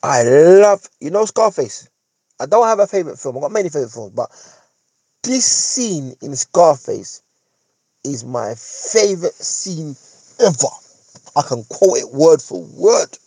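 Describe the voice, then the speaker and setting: A man's voice: on the high side, big pitch swings, a little slow, mellow, husky, no echo. A man with a London roadman accent and urban street slang gives a casual, opinionated monologue as a host, repeating phrases for emphasis and checking that listeners follow. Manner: emphatic, repeats phrases, seeks agreement with tag questions. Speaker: podcast host.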